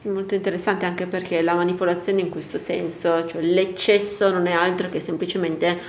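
A woman's voice: on the low side, level tone, normal speed, a little hiss or hum. A woman hosting an interview, her voice slightly muffled by a face mask. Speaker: host. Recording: roomy, echoing indoor sound.

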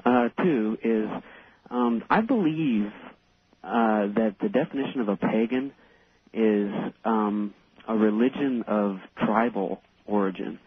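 Husky male caller over a tinny phone line, low-pitched, halting delivery. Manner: halting, pausing often. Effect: voice heard over the phone line. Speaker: radio call-in caller.

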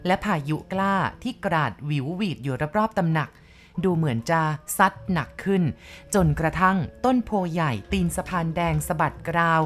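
A woman reading a ghost story aloud in the first person, with measured, vivid descriptive narration. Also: on the low side, animated, soft background music.

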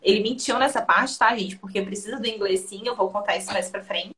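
A young adult woman with a Brazilian accent, a guest telling a lively story in casual chat, often laughing and acting out what people said. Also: medium pitch, brisk. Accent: Brazilian Portuguese. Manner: lively, laughs often, acts out quoted dialogue. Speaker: interview guest.

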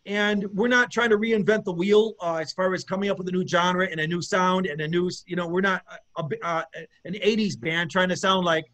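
A man with a notably high voice, a rock bassist giving an interview. He rambles, stumbles and restarts, but his enthusiasm for the music comes through. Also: steady tone, fairly quick, a bit bright. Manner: rambling, searching for words, lots of restarts. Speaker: bass player in an eighties rock band. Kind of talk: casual interview chat.

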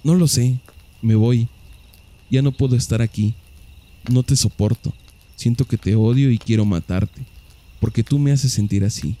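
A man's voice: mid-range voice, moderate pace, long pauses, dark tone, close to an everyday voice. A man voicing a bitter, tormented husband. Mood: angry. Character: tormented husband, angry and despairing.

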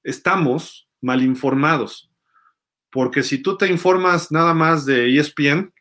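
A man's voice: a little high, measured pace, pushed and bright. A middle-aged man with a Mexican accent, hosting a sports show and telling a story in a casual, chatty way with lots of fillers. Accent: Mexican Spanish. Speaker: sports journalist host. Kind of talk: casual commentary monologue.

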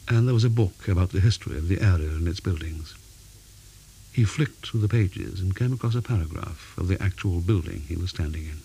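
A man with a deep, mellow voice reads a scripted ghost story in a measured, dramatic way, using pauses for effect. The audio is poor, with a faint hiss in the background.

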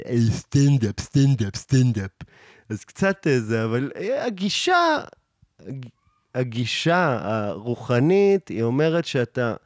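Young male podcast host, casual storyteller, mid-range voice, dry close sound, jumps up in pitch when quoting people. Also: no echo. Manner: animated, acts out quoted lines in raised voice, laughs often.

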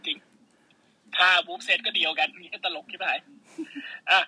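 A man tells wrestling results in a casual, excitable rush, swearing freely as he narrates the action blow by blow. His voice is very bright and somewhat husky, sitting a little high for a man. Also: a little slow, rough recording. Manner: excitable, swearing, play-by-play storytelling. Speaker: podcast co-host.

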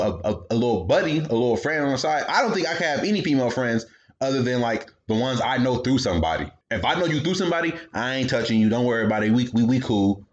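On his podcast, a young male host with a mid-range voice spins a funny, slangy story, animatedly imitating the voices of its characters. The recording sounds muffled.

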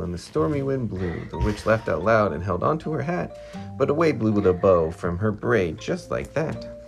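A woman reading a rhyming picture book aloud to a child at home, with lively storytelling. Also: extremely low pitch, vocal fry. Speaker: reader to a child. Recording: music playing behind.

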